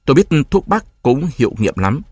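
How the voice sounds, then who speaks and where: A man's voice: mid-range voice, very animated, normal speed, darkish tone, slightly rough, no echo, studio quality. A man voicing a commanding officer with falsely polite manners. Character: smooth-talking commanding officer, false courtesy.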